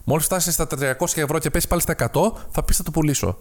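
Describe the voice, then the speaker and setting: A man co-hosting a casual podcast over a remote call, joking, swearing and laughing between takes. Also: on the high side. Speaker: podcast co-host. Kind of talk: casual podcast chat with bloopers.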